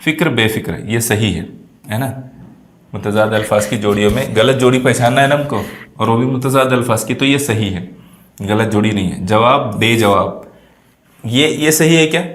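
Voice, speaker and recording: A man's voice: fairly low pitch, normal speed. A male teacher who explains vocabulary exam answers step by step and keeps checking that his students follow. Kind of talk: exam prep lesson. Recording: echoey room sound.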